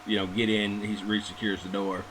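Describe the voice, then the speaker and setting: Low-voiced man running the game. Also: moderate pace. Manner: relaxed, instructive, with fillers. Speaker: game master. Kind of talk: narrating a tabletop game. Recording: noisy home mic.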